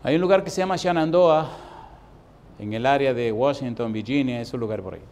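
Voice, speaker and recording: Man, pastor, sermon, rhetorical questions, soft storytelling, medium pitch. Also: fairly quick. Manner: emphatic preaching with repeated rhetorical questions, dropping to soft storytelling.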